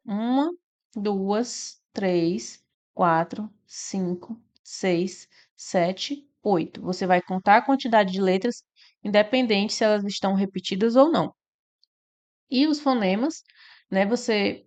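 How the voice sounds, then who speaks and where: A woman's voice: mid-range voice, a little slow, a little mellow. A woman, teaching an exam-prep lesson and walking through each answer step by step with frequent tag questions.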